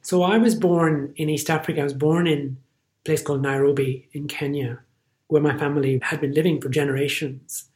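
A man's voice: on the high side, fairly even intonation, brisk, a little mellow. A middle-aged man with an Irish accent, a physician guest on a podcast interview, speaking earnestly and stressing his points through repetition. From Ireland.

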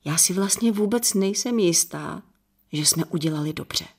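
A woman's voice: lowish voice, a little mellow, slightly rough. Woman reading as a curt, uneasy mother. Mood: tense. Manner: curt, tense. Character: wary, meticulous mother, sharp and uneasy. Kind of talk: audiobook character reading.

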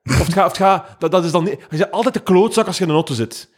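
A man with a Flemish accent in a casual chat, animated and swearing, sometimes shouting as he rants. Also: high-pitched, rapid-fire.

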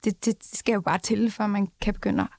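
A woman's voice: mid-range voice, steady tone, creaky, darkish tone. A woman actress as an interview guest, candid and self-deprecating, laughing easily. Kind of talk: casual interview chat.

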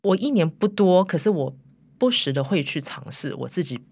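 A middle-aged woman speaks in a low register as an interview guest in a dry studio. Her Mandarin has a foreign-influenced, unpolished feel, and she often drops English words and short English tags into her sentences. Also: expressive, moderate pace, gravelly, a little mellow, slightly rough, no echo. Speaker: interview guest, company chief executive. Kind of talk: conversational interview answers. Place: recording studio.

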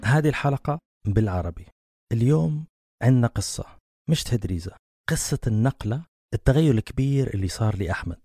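A man's voice: medium pitch, lively intonation, fast talker, mellow, no room sound, studio quality. A Libyan man hosting a podcast, eager and given to musing aloud about his thoughts. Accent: Libyan Arabic. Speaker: podcast host. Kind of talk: casual podcast conversation.

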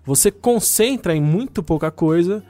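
A man's voice: high-pitched, lively intonation, moderate pace, mellow, faint music behind. A man, reflecting and joking in a casual chat. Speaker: podcast co-host.

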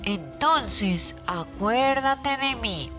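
A woman acts out a calm young man who reads dreams in a children's story. He speaks in slow, grave pronouncements with a bright, fairly high voice. Soft music plays behind him. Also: full character voice. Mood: solemn.

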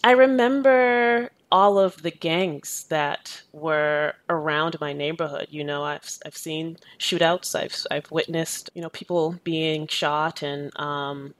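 As an interview guest, a thirty-something educator and activist born in Jamaica gives thoughtful, earnest answers, frequently using "you know." Her deep voice stays steady as she takes her time, pausing little, with no echo present.

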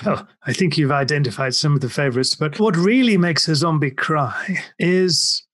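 A man's voice: fairly high pitch, lively intonation, moderate pace, fairly bright tone. A man playing an earnest, self-assured professor in a comedy radio sketch. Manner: earnest, mock-scholarly.

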